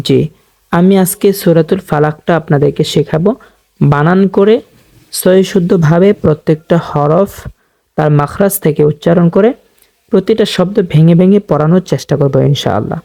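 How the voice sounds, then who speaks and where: Gravelly-voiced man teaching Quran recitation. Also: fairly high pitch, mellow. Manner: slow, repeating each syllable, drawn-out melodic Arabic recitation. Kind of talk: spelling-out Quran recitation lesson.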